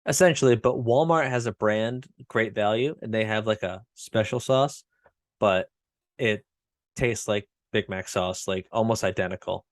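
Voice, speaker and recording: Podcast co-host, male, low-pitched, blunt and self-deprecating, dry close mic. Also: measured pace, no room sound. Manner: blunt, self-mocking, swears casually. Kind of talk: casual chat.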